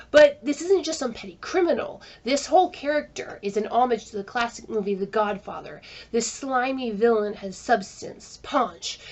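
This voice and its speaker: A woman's voice: mid-range voice, muffled recording. A woman giving a scripted but chatty TV episode review, enthusiastic, and she sometimes stops to search aloud for a word. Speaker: video essayist reviewing a TV episode. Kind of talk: scripted commentary with asides.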